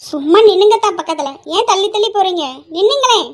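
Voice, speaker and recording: A woman's voice: very high-pitched, lively intonation, fast, faint music behind. A woman voicing a cheeky young village woman who keeps pestering and teasing, in an amateur audio drama. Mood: coaxing. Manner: pestering, bossy and playful.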